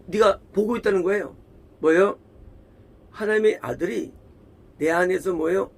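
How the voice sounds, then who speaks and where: A man preaching a sermon as pastor, emphatic, repeating phrases and firing rhetorical questions at the congregation. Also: high-pitched.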